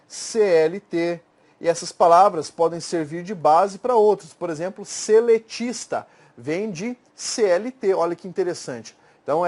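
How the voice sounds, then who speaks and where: A man with a fairly high voice teaches Portuguese grammar in a Brazilian accent, in the manner of an exam-prep video lecture. He works through examples step by step, stretches out the words he is showing, and keeps asking the class if they follow. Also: a little mellow. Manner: explains step by step, checking in with frequent "tá?" and "certo?"; slangy and informal at times.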